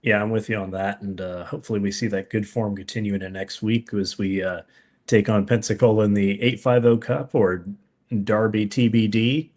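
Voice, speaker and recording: Low-voiced man analyzing a soccer match. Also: steady tone, darkish tone. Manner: measured, thoughtful analysis with frequent fillers. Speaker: podcast co-host. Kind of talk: casual sports analysis chat.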